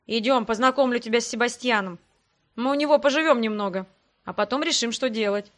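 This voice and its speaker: Audiobook: upbeat young lord, relaxed and friendly, voiced by a woman narrator in a fairly high register. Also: a little fast, close to an everyday voice. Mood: breezy. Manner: breezy and reassuring. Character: brisk cheerful young man, easygoing lord. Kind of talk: audiobook character voice.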